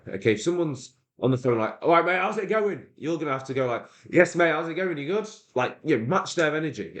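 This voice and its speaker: A man's voice: medium pitch, reverberant. A man teaching a course in a loose, casual way, full of "um"s and offhand swearing. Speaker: course instructor. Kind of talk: casual screen-share tutorial.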